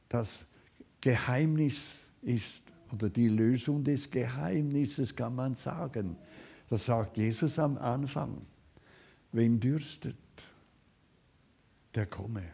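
A man preaching a sermon, fervent, swinging between loud calls and quiet asides. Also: mid-range voice, creaky, slightly rough.

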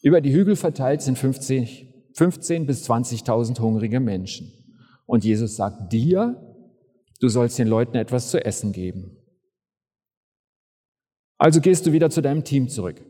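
Male preacher, lively story delivery, warm mellow tone, hall reverb. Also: medium pitch, normal speed, pauses often. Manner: vivid, addresses listener directly. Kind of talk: sermon storytelling.

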